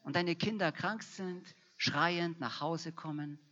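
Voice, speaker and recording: A woman's voice: on the low side, slow, a bit bright. A woman preaching a sermon, emphatic and repetitive, building to fervent passages. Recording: dull lo-fi recording.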